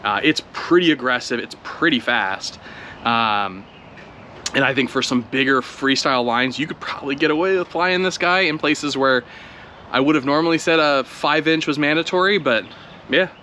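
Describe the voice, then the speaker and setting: A man's voice: medium pitch, normal speed, a little hiss or hum. Chatty man commenting outdoors while flying. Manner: relaxed, chatty, thinking aloud while flying. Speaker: drone video creator. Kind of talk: casual first-flight commentary.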